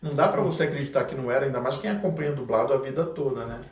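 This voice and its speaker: A man's voice: mid-range voice, lively intonation, rapid-fire, distant mic. A man from Rio de Janeiro with a Carioca accent, a voice actor talking casually as a podcast guest, hesitant with many restarts. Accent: Carioca Brazilian Portuguese. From Rio de Janeiro, Brazil. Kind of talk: casual interview chat. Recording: echoey room, a bit off mic.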